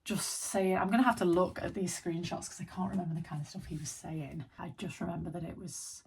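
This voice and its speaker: A woman's voice: lowish voice, fairly even intonation, brisk, a little mellow, a little hiss or hum. A hungover woman content creator chatting casually to camera, telling a personal story in an informal, rambling, self-deprecating way.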